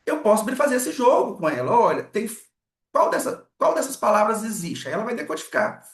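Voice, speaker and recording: A man's voice: high voice, big pitch swings, fairly quick. A man, teaching how letters map to sounds. He often asks "né" and acts out each sound. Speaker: literacy teacher. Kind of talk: explanatory lesson with sound demonstrations. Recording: echoey room.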